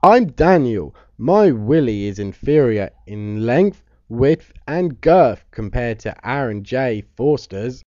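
A man doing a stiff, deadpan pompous bloke. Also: mid-range voice, slow, few pauses, no echo, muffled recording, pitched below the performer's own voice. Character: flat, emotionless young man, pompous.

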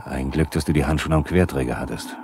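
A male narrator with a very low voice speaks fast in a 1970s radio drama, addressing the characters directly in a sober, probing way. Faint noise from the old vinyl recording runs underneath.

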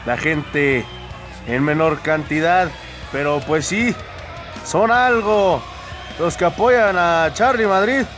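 A man with a Mexican accent giving excitable, exclamatory live play-by-play commentary on wrestling. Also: on the high side, takes it slowly, over music.

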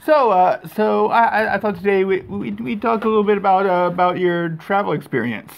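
A man's voice: sits high, brisk, creaky. A man in his thirties hosting a casual interview, often repeating and restarting his words. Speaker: host and videographer. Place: apartment by a window, indoors.

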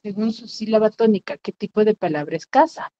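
A woman's voice: medium pitch, brisk, mellow, no echo. A woman teaching an online class, patiently repeating her questions to the students. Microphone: video call. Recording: dull lo-fi, dry.

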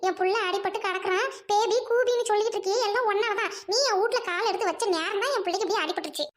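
Woman playing a shrill scolding mother-in-law. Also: fast. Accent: Trichy Tamil. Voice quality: shrill, nagging. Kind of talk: comedy skit acting.

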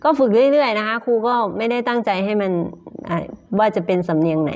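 A woman's voice: medium pitch, animated, a little mellow. A young woman with a Thai accent teaching on a live stream, chatting casually with viewers and reading their comments, full of fillers and polite sentence endings. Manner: slow and chatty, filler-heavy, ends phrases with polite particles.

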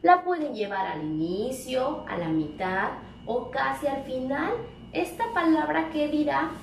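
A woman's voice: sits high, expressive, measured pace, creaky. A woman teaching preschoolers, stretching out each word and asking sing-song questions. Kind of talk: slow, exaggerated teaching to small children. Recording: echoey room, voice from a distance, faint background noise.

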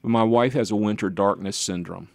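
With vocal fry in a lowish voice at normal speed, an older pastor being interviewed rambles through stories, laughing at himself with chuckled asides. He is an author and guest, and the recording has no echo.

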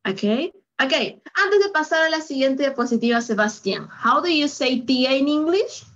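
Woman teacher, upbeat, encouraging, slow careful delivery, slightly high voice, muffled video-call sound. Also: expressive, a bit bright. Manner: upbeat, praising, mixes Spanish and English, laughs often. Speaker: English teacher. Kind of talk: live online English lesson.

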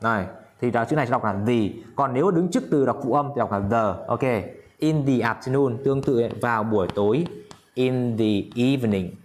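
A man teaching an English lesson in Vietnamese, drilling English phrases slowly and often checking that his students follow. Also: medium pitch. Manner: drills English words slowly, repeats himself, coaxing checks. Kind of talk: classroom-style video lesson.

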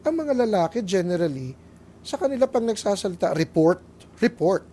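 Animated Filipino lay preacher. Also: male voice, high-pitched, a little fast, a little hiss or hum. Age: middle-aged. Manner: animated storytelling, acting out voices, mixing English phrases.

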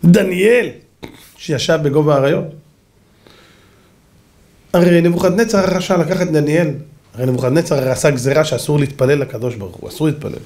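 A rabbi giving a lively sermon, telling stories and acting out the characters with shouts. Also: male voice, fairly high pitch. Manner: animated, acts out voices and shouts in stories. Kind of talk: sermon with dramatic storytelling.

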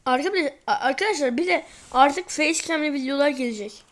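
High-voiced sleepy woman gaming chatter. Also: brisk. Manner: chatty, rambling, repeats "neyse" often. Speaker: gaming channel host. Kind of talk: casual football game commentary.

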